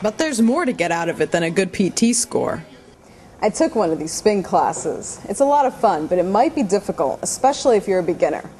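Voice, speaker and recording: A woman's voice: mid-range voice, sing-song, fairly quick, dark tone. A woman reading a scripted news narration as a military reporter. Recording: music behind the voice. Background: music.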